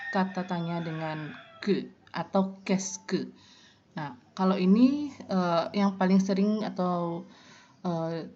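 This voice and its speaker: A woman's voice: lowish voice, mellow. A woman explaining French grammar step by step in an online lesson, with frequent fillers. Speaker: French teacher. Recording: dull lo-fi audio with faint noise.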